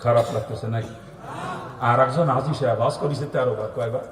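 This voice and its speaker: A man preaching an open-air sermon, thundering and mocking, often shouting rhetorical questions at the crowd. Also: mid-range voice, fairly even intonation, fast. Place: outdoor gathering. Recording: echoey distant PA sound.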